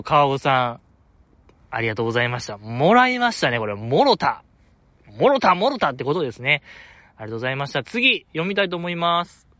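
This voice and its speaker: Heard in a dry recording, a slightly high, somewhat bright male voice reads listener mail. He is a Kansai-accented radio host running a casual solo talk show, chatting and making fun of himself along the way.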